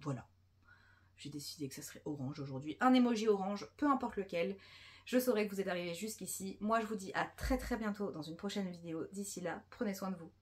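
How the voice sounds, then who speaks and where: A woman's voice: medium pitch, brisk, a little hiss or hum. A woman chatting casually and enthusiastically about new books in a book vlog, saying she is a bit tired. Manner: chatty and enthusiastic, many fillers. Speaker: book vlogger.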